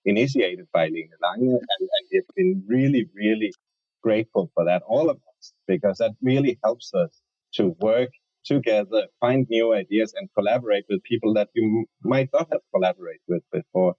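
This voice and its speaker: Guy, researcher, kinda low voice, slow careful answers, dry muffled audio. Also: animated, breathy edge, dry recording. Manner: thoughtful, hesitant, restarts often. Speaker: researcher and award winner. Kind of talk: interview answer. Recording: dull lo-fi dry sound.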